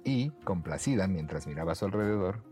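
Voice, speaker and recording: A man narrating a bedtime story for children in a gentle, expressive way. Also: deep voice, a little fast, faint music behind.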